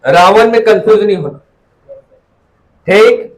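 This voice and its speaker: A man's voice: high voice, a little slow, rough recording. A man teaching a classroom lecture, repeating memory tricks and calling students "beta".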